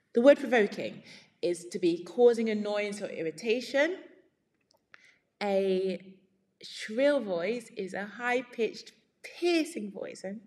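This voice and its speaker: A woman's voice: mid-range voice, a little mellow, long reverb tail. A woman teaching English, reading a children's story aloud and patiently explaining words along the way.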